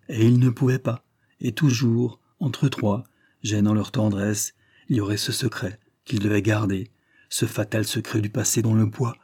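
A man reading a literary short story aloud as an audiobook narrator, in a measured, even storytelling manner on a close mic. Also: fairly low pitch, slightly rough, dry recording.

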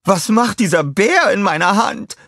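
A flamboyant, glamorous villainess from a storybook, crying out in a high, drawn-out and theatrical voice, as a male narrator puts her on. The recording is dry and close. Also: animated, fairly bright tone, no room sound, full character voice. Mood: shrieking.

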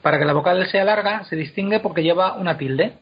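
A man explaining pronunciation in a casual, animated way, drawing words out slowly to demonstrate them. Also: sits high, slightly rough, soft background music. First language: Spanish. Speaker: guest explaining Elvish pronunciation. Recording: dull lo-fi podcast recording.

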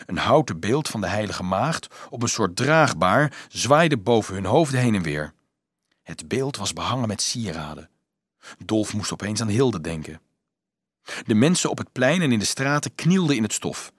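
Male narrator for a dramatic audiobook; animated reading, a touch husky. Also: on the low side, normal speed, no echo, clean studio sound. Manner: dramatic, expressive reading that acts out the shouts. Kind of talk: scripted narration.

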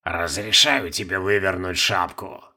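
A shrivelled old ruler, put on by a male audiobook narrator, speaks in a low, creaking voice with slow, clipped commands. He sounds ancient, cold and used to being obeyed, his voice pulled back and hushed. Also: fairly even intonation, exaggerated voice. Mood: imperious. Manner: slow, curt, imperious. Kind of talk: audiobook character voice.

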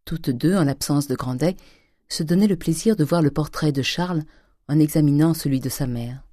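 An audiobook reader narrating a classic novel in a measured, deliberate way. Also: mid-range voice, warm tone, dry recording, studio quality.

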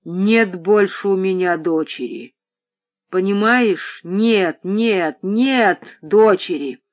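Reader doing an old grey-haired dad in an audiobook, raging and groaning, slow heavy delivery. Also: medium pitch, lightly acted. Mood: enraged. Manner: outbursts of shouting and moaning. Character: grey-haired old father, furious and grieving. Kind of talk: audiobook reading.

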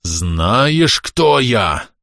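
A man reading an audiobook, voicing a brooding, violent man with a hoarse, growling voice. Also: low-pitched, expressive, takes it slowly, fairly bright tone, no room sound, studio quality, heavily acted. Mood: raging. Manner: menacing, growling.

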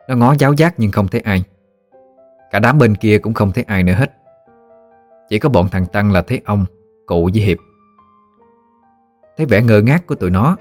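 A man's voice: lowish voice, a little mellow. A man narrating a story steadily and expressively.

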